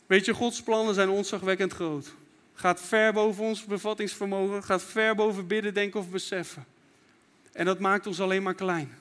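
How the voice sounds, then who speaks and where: A man's voice: high-pitched, fairly even intonation, normal speed, fairly bright tone. A man preaching a fervent sermon as pastor, acting out prayers and God's words as he goes.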